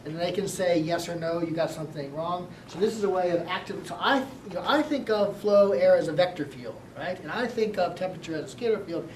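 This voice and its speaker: A man lecturing a university class, talking quickly and excitedly and often checking in with "right?". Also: sits high, distant mic. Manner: fast-talking, excitable, many "right?" tags. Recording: echoey classroom recorded from afar, noisy.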